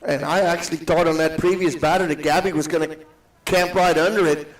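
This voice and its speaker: Guy doing play-by-play, kinda high voice, cave echo all over it, sounds off from the mic. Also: a little fast, recorded from a distance. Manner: steady count-calling, matter-of-fact. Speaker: play-by-play announcer. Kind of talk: live softball commentary. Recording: echoey booth, set back from the mic.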